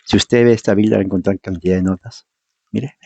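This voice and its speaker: A man's voice: on the low side, steady tone, fast talker, vocal fry, a little mellow, breathy edge, no echo. A man preaching an informal teaching sermon in an emphatic, argumentative way, often repeating his points. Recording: dull, muffled dry sound.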